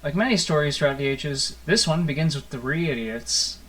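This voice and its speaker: This gaming host, a man with a fairly high and slightly bright voice, performs a visual novel at normal speed with lively intonation. He narrates expressively, like a storybook, and tosses in playful, offhand remarks. Plucked guitar music from the game plays in the background.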